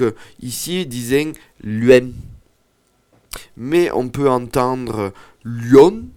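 A man teaching an Occitan lesson, explaining words slowly with hesitant fillers. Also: medium pitch, darkish tone, no room sound. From southern France. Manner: slow, hesitant, many fillers.

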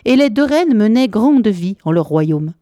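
Woman storyteller, fairy tale, mellow voice, measured pauses, dry close sound. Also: mid-range voice, very animated, dry recording. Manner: measured, lilting, dramatic pauses. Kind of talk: storybook narration.

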